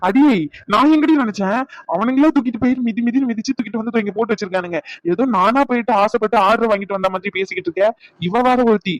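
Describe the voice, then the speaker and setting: A man's voice: high voice, no echo, highs cut off, natural voice. A man voicing an injured young man in a cartoon who teases his tearful girlfriend with mock threats. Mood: teasing. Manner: teasing, mock threats, rapid speech. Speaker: voice actor. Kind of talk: cartoon dub acting.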